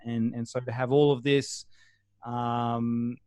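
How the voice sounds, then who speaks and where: An Australian man, a guest on a video call interview, talking in a relaxed, rambling way with many pauses and restarts. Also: mid-range voice, dry recording.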